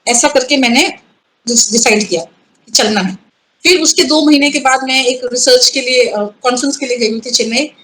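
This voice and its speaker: A woman guest telling a personal story in an interview, earnest and halting, often restarting her sentences and mixing in English words. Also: sits high, fairly bright tone, poor audio. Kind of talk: personal testimony in a conversational interview.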